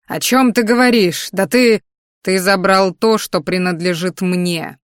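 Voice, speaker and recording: A woman voicing a yelling, frantic sea captain. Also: mid-range voice, steady tone, a little slow, no echo, clean studio sound, lightly acted. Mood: furious. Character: furious male ship captain, shouting.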